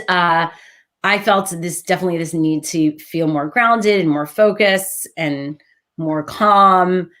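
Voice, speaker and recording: A woman with a fairly low voice chats in a casual, reflective way. She explains herself earnestly and with animation, as if in an easy conversation. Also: fairly bright tone. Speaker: talk host.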